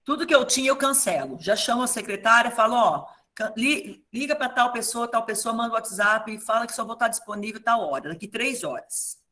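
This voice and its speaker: A woman's voice: on the high side, animated, fairly quick, few pauses, sharp tone. A middle-aged woman, a teacher talking to parents at a meeting, telling stories with feeling and acting out the voices of students and parents. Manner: emotional, addresses the audience directly.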